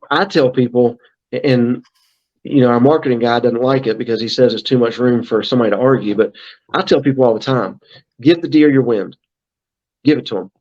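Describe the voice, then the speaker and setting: A man's voice: medium pitch, a little mellow, muffled recording. A middle-aged man talking casually as a guest on a podcast, full of fillers and restarts. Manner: talkative, frequent fillers and restarts. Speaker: brand manager guest.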